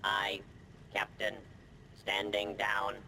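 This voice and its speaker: An actor playing a flat, mechanical robot crewman in a video game, speaking in clipped reports. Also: on the low side, slow pace, creaky, heavy background noise. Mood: robotic.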